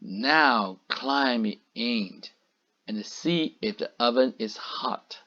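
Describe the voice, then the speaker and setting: A man's voice: mid-range voice, lively intonation, very slow, pushed and bright, full character voice. A man voicing an impatient, greedy, half-blind old witch who mutters and snaps orders, in a storybook read-aloud. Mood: coaxing. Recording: dull lo-fi recording.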